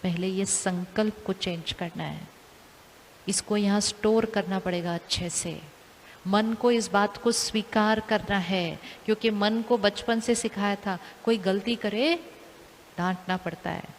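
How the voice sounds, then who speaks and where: Casting: woman, calm spiritual teacher, asks the audience questions again and again, long hall reverb, faint hiss. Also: medium pitch, measured pace.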